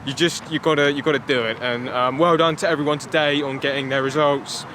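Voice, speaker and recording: A man's voice: a little high, fairly even intonation, fairly quick, background noise. A young man outdoors giving jokey, sweary advice to a friend's camera. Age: young adult. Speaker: interviewed student. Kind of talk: street vox pop.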